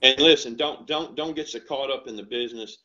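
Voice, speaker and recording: Speaking fairly quickly in a medium-pitched voice, an older Southern dairy farmer and ice cream shop owner spins earnest, folksy stories in a casual interview by video call. He sits in a room at home with bookshelves, and his headset audio is a bit dull and lo-fi.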